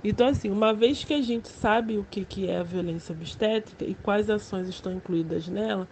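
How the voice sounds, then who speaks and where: A Brazilian woman in her late thirties, a nurse, explaining her field in a measured, instructive way. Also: medium pitch, darkish tone, slight background noise. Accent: Brazilian Portuguese. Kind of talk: explanatory interview.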